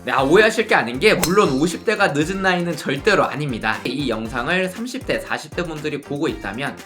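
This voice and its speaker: A man's voice: on the high side, expressive, fairly quick. A man in his thirties, an insurance planner, giving a persuasive explainer talk full of rhetorical questions. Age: 30s. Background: background music.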